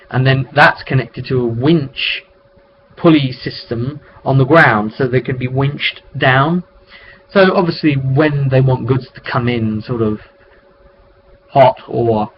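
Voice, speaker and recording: A mid-range male voice rambles through a session recap vidcast, where he, a tabletop game master, tells the story of a roleplay session in a casual, off-the-cuff way. His webcam microphone yields dull, noisy lo-fi audio.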